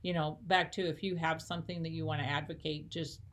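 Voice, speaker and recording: A woman's voice: low voice, flat delivery, a little fast. A woman who coordinates church missions, chatting casually with many fillers and easy laughter. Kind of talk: casual chat.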